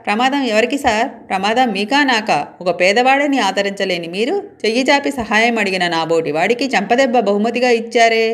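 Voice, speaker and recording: A woman storyteller reading a romantic story aloud, voicing the dialogue of both lovers in her own voice. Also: mid-range voice.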